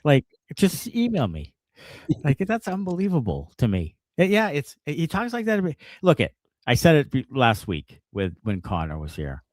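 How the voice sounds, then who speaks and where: A man hosting a casual sports podcast, ranting in a profane, animated way. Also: a little high, normal speed, no room sound, clean studio sound. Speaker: podcast host.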